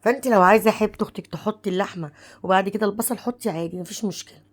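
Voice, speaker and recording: Egyptian lady, 30s, hoarse w a cold, talks quick n chatty, calls viewers sister while cooking. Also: mid-range voice. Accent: Egyptian Arabic. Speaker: home cooking vlogger. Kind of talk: casual cooking narration.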